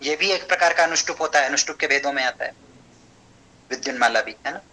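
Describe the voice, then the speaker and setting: A man teaching an online Sanskrit class, explaining step by step, checking understanding and chanting verses slowly. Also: mid-range voice, pushed and bright, low-quality recording.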